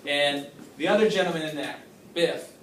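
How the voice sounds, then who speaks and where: A man's voice: a little high, moderate pace, slight background noise. Guy teaching a class, questions n praise, echoey room, mic far away. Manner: upbeat, questioning, praising answers. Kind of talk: classroom lesson.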